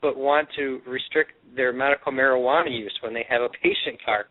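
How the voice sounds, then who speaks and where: A man's voice: medium pitch, fairly even intonation, a little fast. A man speaking as a guest on a radio show over the phone, earnest and rambling with restarts. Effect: voice heard over the phone. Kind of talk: casual radio talk. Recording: tinny phone line.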